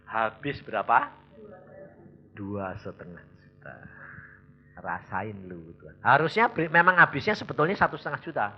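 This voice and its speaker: A man preaching a sermon, telling a story with animated delivery, acting out the dialogue and chuckling as he goes. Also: medium pitch, moderate pace, breathy edge. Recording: dull lo-fi recording.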